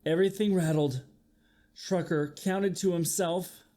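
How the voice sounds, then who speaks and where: With a high-pitched voice at a measured pace, a man gives an animated storybook read-aloud for children, teacher-fashion. He reads expressively, performs the sound effects, and poses questions to the kids.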